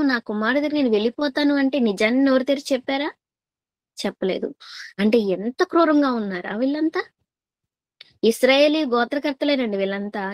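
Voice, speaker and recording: A woman preacher delivering a sermon in a fairly high voice. She keeps putting questions to her listeners and says key lines twice for weight. The sound is dry and close. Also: dry recording.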